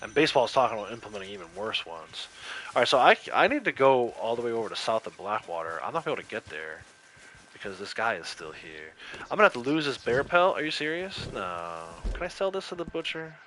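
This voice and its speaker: Bright-voiced man ranting while gaming. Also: mid-range voice, big pitch swings, fast talker, a little hiss or hum. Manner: rambling, opinionated, heavy on fillers. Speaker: gaming streamer. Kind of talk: casual livestream chat while playing.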